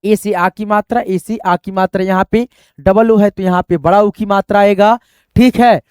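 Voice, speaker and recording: A man's voice: high voice, fairly even intonation, moderate pace, darkish tone, smooth, no echo, studio quality. A man teaching a reading lesson, patiently repeating each step and addressing viewers as friends. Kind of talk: explaining a spelling lesson.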